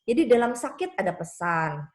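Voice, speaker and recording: A woman pastor speaks at a seminar in a slightly high voice. She talks conversationally and tells stories with lots of tag phrases. When she quotes someone, her pitch springs up in playful bursts. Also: normal speed. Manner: lively storytelling that leaps high in pitch when quoting others. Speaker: pastor and speaker on children's faith. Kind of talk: seminar talk to an audience.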